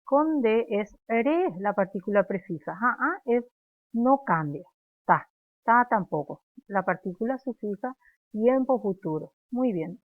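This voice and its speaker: A woman with a Paraguayan accent teaching a language class, speaking slowly and clearly and repeating phrases for students to echo. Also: mid-range voice. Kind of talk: classroom lesson, drilling conjugations. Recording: dry, phone-like narrow sound.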